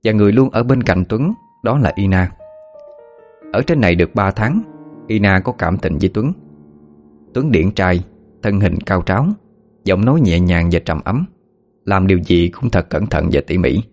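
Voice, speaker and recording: Guy narrating a story, lowish voice, faint music behind. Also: moderate pace, pauses often. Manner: steady, even storytelling. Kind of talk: scripted narration.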